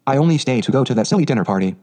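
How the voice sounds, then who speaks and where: A man's voice: medium pitch, lively intonation, rapid-fire, dark tone, natural voice. A man voicing a frightened young society mother, pleading in a raised voice in a storybook reading.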